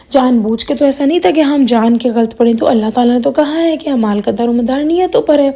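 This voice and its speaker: A woman with a hoarse, sore throat giving an earnest, informal spiritual talk to viewers, retelling a viewer's story. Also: on the high side, warm tone. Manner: earnest, relays a viewer's story, mixes English words. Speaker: religious video presenter.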